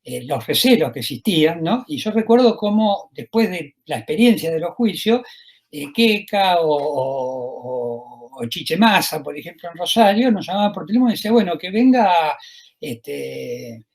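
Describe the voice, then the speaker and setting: A man with an Argentine accent giving a university lecture as a law professor, talking in a discursive way with frequent filler pauses and tag questions to his listeners. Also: on the high side, big pitch swings, creaky, slightly rough. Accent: Argentine Spanish.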